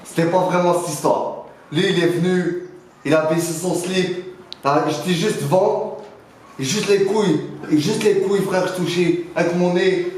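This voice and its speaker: A man's voice: high-pitched, fairly even intonation, moderate pace, a little mellow, lightly acted. Casting: male performer as cocky young street dealer, mock interview, loose French street slang, heavy room echo. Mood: defensive. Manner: slangy, rambling, punctuated with filler address words. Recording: very echoey room, faint noise.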